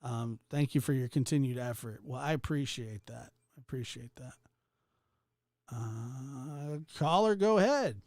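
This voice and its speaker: A man hosting a live call-in show in an easygoing, halting way, often repeating his phrases as he chats. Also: mid-range voice, lively intonation, a little mellow, no room sound, studio quality. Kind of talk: casual live call-in chat.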